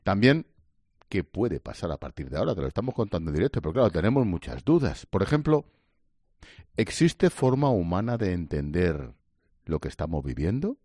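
A man's voice: sits low, big pitch swings, a little fast, darkish tone, no room sound, studio quality. A man hosting a radio show, introducing a segment and bantering with his guest. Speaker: radio host.

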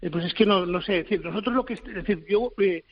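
High-voiced man speaking haltingly. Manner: halting, hesitant, searching for words. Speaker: government official. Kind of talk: interview answers. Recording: dull lo-fi recording.

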